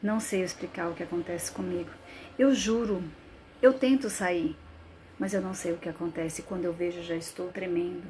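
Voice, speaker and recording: A woman voicing an anxious adult woman tormented by panic attacks, speaking in halting, pleading questions over noisy stream audio. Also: on the low side, steady tone, mellow, lightly acted.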